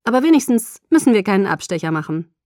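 A teasing young male vampire, as a woman reader puts him on, speaking low and husky in an intimate murmur. The audiobook voice is softened and dropped a little below her own, in a dry, close recording. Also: sing-song, fast talker, no echo, natural voice. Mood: soft teasing. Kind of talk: audiobook reading.

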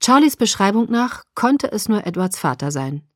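A woman narrating a first-person audiobook in an expressive reading that swings between loud and soft. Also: mid-range voice, normal speed, no echo, studio quality.

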